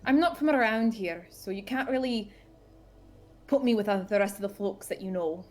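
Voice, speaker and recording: A woman playing a tabletop game over voice chat, answering with dry, deadpan quips. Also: mid-range voice, moderate pace, faint music behind. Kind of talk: casual chat.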